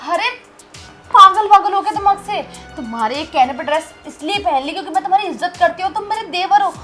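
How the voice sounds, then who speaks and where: Lonely young wife, woman acting, scolding indignant tone, pretty high voice. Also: fast, faint music behind. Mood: angry. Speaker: actor in a short film. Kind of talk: melodramatic web short film acting.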